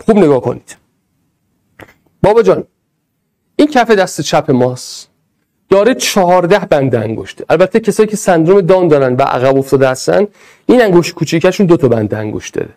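A man's voice: sits high, darkish tone. A middle-aged male teacher giving a classroom lecture, chanting drills and joking with the students.

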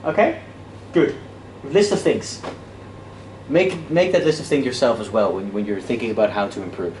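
A man in his thirties, Dutch by first language, delivers an interactive debate lecture at a moderate pace in a slightly mellow, mid-range voice. He keeps it casual and self-deprecating, with many fillers and restarts, as he walks and gestures about the classroom in front of a projector screen. A far camera records it, leaving it echoey and noisy.

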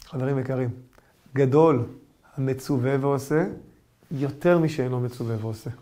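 A man, a rabbi giving a lesson, telling humorous stories in an animated way. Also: mid-range voice. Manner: animated storytelling, acts out voices.

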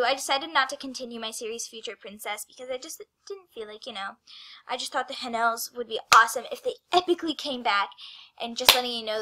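A woman's voice: fairly high pitch, sharp tone. A female vlogger talking casually and rambling as she works, often dropping her voice to a whisper. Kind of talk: casual screen-recorded vlog.

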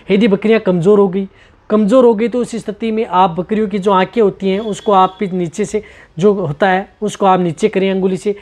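A man's voice: high voice, darkish tone. A man hosting a goat care channel, patiently explaining treatments step by step and often repeating himself. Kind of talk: instructional talk on goat health.

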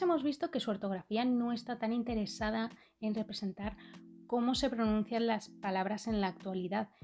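A young adult woman with a Spain Spanish accent, explaining a language lesson clearly and steadily, with playful asides. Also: on the high side, dark tone. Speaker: language educator and video host.

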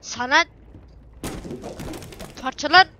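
High bright chatty woman gamer. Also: slow, dull audio, slight background noise. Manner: chatty, excitable, talks to herself and viewers. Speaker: gameplay streamer. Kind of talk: let's play commentary.

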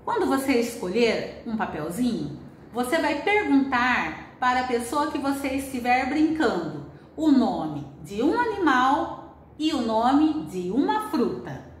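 A woman teacher with a Brazilian Portuguese accent, giving slow, clearly spelled-out instructions in a recorded lesson for children. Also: high-pitched, big pitch swings, slight background noise. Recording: roomy distant home recording.

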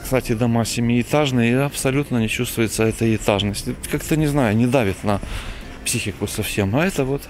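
A middle-aged man giving a chatty, unhurried walking tour of city streets at night, coughing now and then, filmed on a handheld camera. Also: mid-range voice, music in the background. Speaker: vlogger. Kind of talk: casual walking tour commentary.

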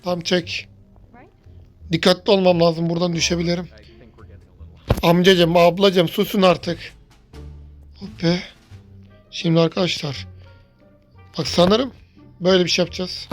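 Excitable man narrating his gameplay. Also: high voice, measured pace, pauses often, faint music behind. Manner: excitable, chatty, talks to viewers, yells when startled. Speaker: gaming YouTuber. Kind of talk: let's-play commentary.

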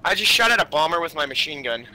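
A man giving casual gameplay commentary with a friend, excitable and shouting callouts. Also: a little high, fast. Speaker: co-op gaming partner.

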